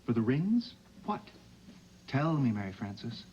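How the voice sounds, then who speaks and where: A man's voice: mid-range voice, big pitch swings, unhurried, warm tone. An actor playing a cocky young male kidnapper in a 1990 TV soap, talking in a mocking, sarcastic way, on dull lo-fi TV audio with faint hiss. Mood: smug.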